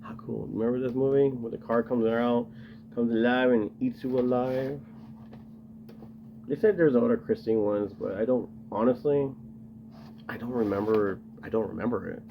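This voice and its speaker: A man's voice: mid-range voice, normal speed, gravelly, dull audio, slight background noise. A man casually rambling to camera as he shows off his collection, enthusiastic and full of fillers. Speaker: video host showing his tape collection.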